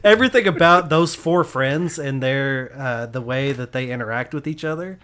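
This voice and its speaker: A man's voice: mid-range voice, normal speed, fairly bright tone. Podcast host, male, eager and laughing, mid-range voice, loose casual chat. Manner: enthusiastic, laughs often, restarts sentences. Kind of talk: casual film review chat.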